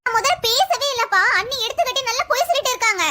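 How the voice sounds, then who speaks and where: A woman's voice: extremely high pitch, animated, very fast, pushed and bright, heavily acted. Woman playing a sulky defiant teenage girl. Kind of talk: family skit acting.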